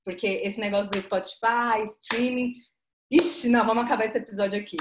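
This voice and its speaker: A woman's voice: a little high, steady tone, a little fast, background noise. A young Brazilian woman co-hosting a podcast, chatting informally and emphatically in an echoey, roomy recording. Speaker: podcast co-host. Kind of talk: casual chat.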